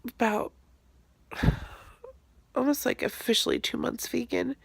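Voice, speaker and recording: A crying, blubbering woman in an emotional confessional monologue, halting and sighing, her voice creaky and breaking into whispers. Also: on the high side, fairly even intonation, no echo.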